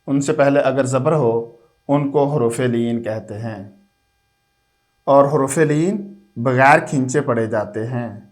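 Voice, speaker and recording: A man with a medium-pitched, darkish voice teaches a recorded lesson on reading letters, spelling out each syllable slowly and drawing it out.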